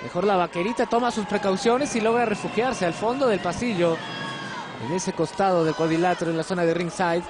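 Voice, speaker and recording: High-voiced man, wrestling color commentator. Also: fairly even intonation, brisk. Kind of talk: live sports commentary and analysis. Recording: noisy arena broadcast with loud crowd.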